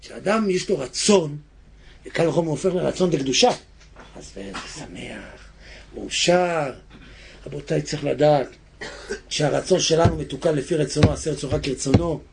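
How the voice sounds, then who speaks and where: A man's voice: fairly high pitch, gravelly. A man preaching a sermon with passion, repeating phrases and breaking into sudden exclamations.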